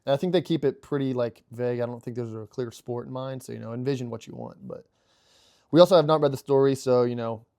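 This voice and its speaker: A male podcast co-host chatting casually outdoors by a campfire. His voice is mellow and dark, and he rambles with frequent restarts. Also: medium pitch, quick pace, creaky. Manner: rambling, lots of restarts and laughs. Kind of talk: casual chat.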